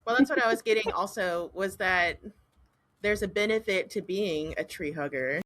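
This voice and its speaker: A woman's voice: medium pitch, normal speed, fairly bright tone, poor audio. A woman in a casual group conversation, speaking in a wry, thoughtful way. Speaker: medium in group session.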